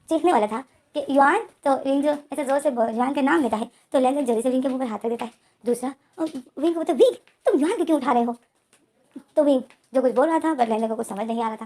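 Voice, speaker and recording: A woman's voice: high-pitched, a little mellow. A woman casually retelling a story in a chatty way, with many filler connectives. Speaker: story narrator.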